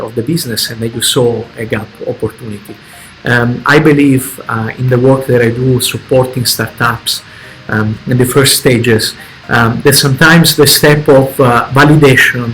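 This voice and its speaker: A man hosting a podcast interview, asking long questions with many pauses and fillers that trail off quietly. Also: mid-range voice, slight background noise, poor audio. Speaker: podcast host.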